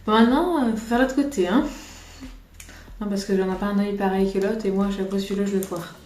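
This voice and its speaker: A woman's voice: mid-range voice, fast, darkish tone, slight background noise. A woman from France chatting through a casual makeup tutorial, rambling and poking fun at herself, filmed on a camera on a tripod. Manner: chatty and self-deprecating, rambling asides. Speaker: makeup vlogger. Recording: roomy room, faint music behind.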